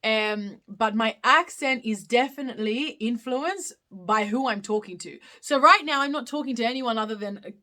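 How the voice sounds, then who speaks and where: The young female live stream host now sounds pushed and bright, fairly high in pitch, moving at a moderate pace with few pauses. She hosts a casual question-and-answer chat in an Australian accent touched with British notes, rambling along with many ums and self-corrections.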